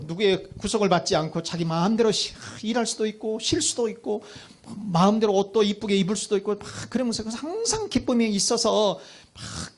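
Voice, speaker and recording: A male pastor preaching a sermon in a church, telling a story in an animated way with emphatic swings in his voice. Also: sits high.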